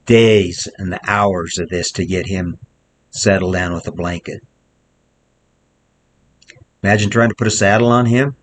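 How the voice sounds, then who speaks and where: A man's voice: low-pitched, steady tone, a little slow, long pauses. A male horse trainer gives plainspoken commentary while working a horse outdoors in the snow, repeating short coaching phrases. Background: wind.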